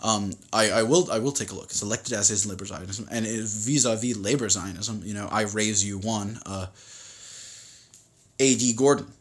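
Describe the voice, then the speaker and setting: A man's voice: on the low side, moderate pace. A man hosting a casual livestream, rambling and reading viewer comments aloud, with many fillers and restarts, recorded on a phone. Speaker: livestream host.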